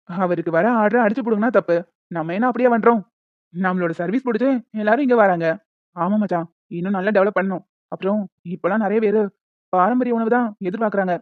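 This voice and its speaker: Animated story: man doing a level-headed young caterer, fast talk, tinny dry sound. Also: sits high, no room sound, lightly acted. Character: calm young male caterer, practical. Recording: tinny phone-like audio.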